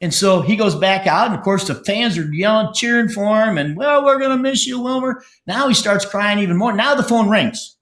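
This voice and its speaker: An older man hosting a casual chat, telling a story with lively back-and-forth dialogue and chuckles. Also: sits high, moderate pace, hardly any pauses. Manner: animated storyteller who acts out quoted dialogue and chuckles. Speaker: show host, former team manager. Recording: roomy echo.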